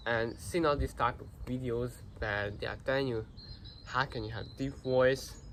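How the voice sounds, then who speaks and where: A man's voice: mid-range voice, fairly even intonation, moderate pace, fairly bright tone. A teenage boy with Hungarian as his first language, talking earnestly to camera in a rambling vlog, full of fillers and restarts, recorded without a proper microphone. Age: teens. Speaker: vlogger. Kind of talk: casual self-reflective talk to camera. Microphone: no microphone, built-in device mic. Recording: noisy built-in mic recording.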